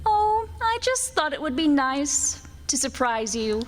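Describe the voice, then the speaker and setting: Woman acting a high, imperious witch wife. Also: sing-song, a little slow, a little hiss or hum. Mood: coy, needling. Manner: scolding, needling, coy. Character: imperious, teasing witch wife, sharp-tongued and jealous. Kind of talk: radio play acting. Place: on stage in a hall.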